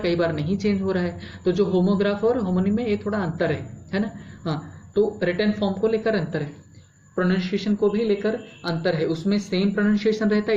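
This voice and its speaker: A male English teacher gives a classroom-style explanation in Hindi, spelling words out letter by letter, mixing in English terms and asking rhetorical checks. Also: high-pitched. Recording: roomy, dull lo-fi sound with faint hiss.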